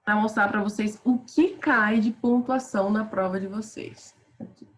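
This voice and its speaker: A woman's voice: mid-range voice, steady tone, normal speed. A woman teacher with a Brazilian Portuguese accent, giving a casual, chatty grammar lesson and calling her students "gente".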